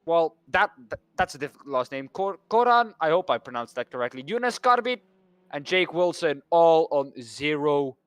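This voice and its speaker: A man's voice: on the high side, very animated, moderate pace, a bit bright, clear, resonant tone, no echo. A man from the Netherlands commentating a sim racing broadcast, rambling and correcting himself as he stumbles over names. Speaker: race commentator.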